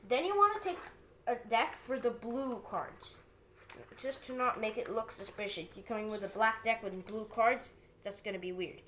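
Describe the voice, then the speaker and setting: A woman's voice: fairly high pitch, lively intonation, moderate pace, a bit bright. Woman doing casual card magician patter, noisy recording. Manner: informal, talking through each move step by step. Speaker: amateur card magician presenting a trick and tutorial.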